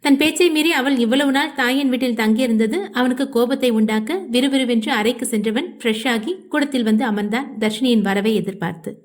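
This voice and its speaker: A woman narrating a novel in an even storytelling voice. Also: fairly high pitch. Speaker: audiobook narrator. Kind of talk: scripted narration.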